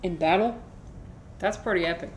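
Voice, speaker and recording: A woman with a slightly low voice chats through a game stream. She is playful and offhand, drifting between the game and her viewers, with faint game noise behind her. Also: normal speed. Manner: playful, offhand, easily sidetracked. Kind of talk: casual gameplay chat with viewers.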